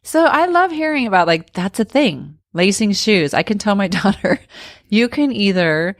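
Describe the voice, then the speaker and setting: Playful woman with a lively voice. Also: medium pitch, no room sound, studio quality. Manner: playful, quick teasing questions, laughs often. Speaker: podcast co-host. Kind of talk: casual podcast chat.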